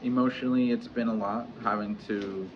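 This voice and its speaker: Halting, soft-spoken man in his thirties. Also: lowish voice, fairly even intonation. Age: 30s. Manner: hesitant, halting, many restarts and fillers. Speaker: vlogger. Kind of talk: candid personal vlog talk. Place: home in Mexico. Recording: dull lo-fi audio with clear background noise.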